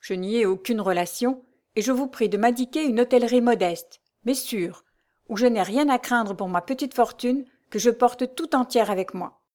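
A woman reading as a courteous young provincial gentleman. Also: fairly high pitch, normal speed, close to an everyday voice. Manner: courteous, formal.

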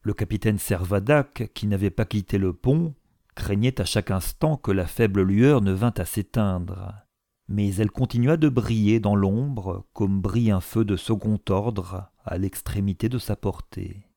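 A man reading a classic adventure novel aloud in a measured, steady storytelling delivery. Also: lowish voice, vocal fry, no echo, studio quality. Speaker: audiobook narrator. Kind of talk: scripted narration of a classic novel.

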